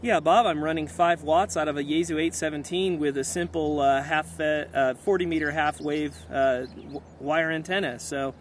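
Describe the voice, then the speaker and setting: Outdoors on a hillside, a male amateur radio operator casually narrates and makes calls, using hesitant fillers. His voice is on the high side and steady, at a moderate pace with few pauses, and there is slight background noise.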